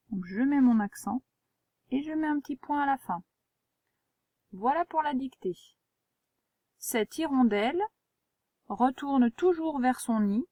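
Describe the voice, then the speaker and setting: A woman teacher giving a dictation lesson to children, spelling words letter by letter and gently pointing out traps. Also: fairly high pitch, no echo. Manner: gentle, reminding pupils of traps. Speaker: primary school teacher.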